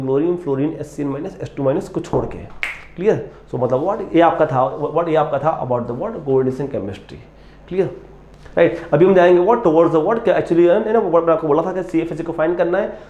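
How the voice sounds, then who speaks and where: A man with an Indian English accent teaches a chemistry class in a roomy, echoing space. His voice sits a little high for a man, with a mellow, soft tone. He mixes Hindi with English and keeps asking the class "clear?" and "what?". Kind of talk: classroom lecture. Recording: echoey room.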